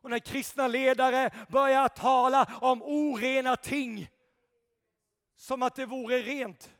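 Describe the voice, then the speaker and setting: A man preaching an impassioned revival sermon, shouting at peaks and dropping to quiet intensity. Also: extremely high pitch, steady tone, big-room sound.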